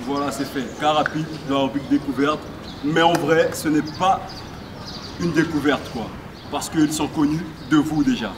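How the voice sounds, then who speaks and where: A man's voice: fairly high pitch, moderate pace. A man interviewing rappers, casual and stumbling as he rephrases his questions. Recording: distant mic with noisy ambience.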